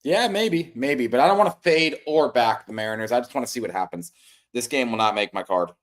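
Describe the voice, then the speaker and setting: A man co-hosting a sports betting podcast in casual chat, blunt and dismissive with a deadpan, teasing manner. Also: medium pitch, fairly quick.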